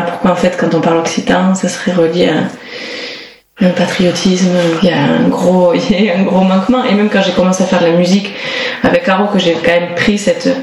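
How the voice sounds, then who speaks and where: A singer from southern France's Toulouse area talks casually in an interview, her voice fairly low and a little mellow. Thoughtful and unsure, she keeps restarting and using fillers as she looks for the right words. There is roomy echo along with clear background noise.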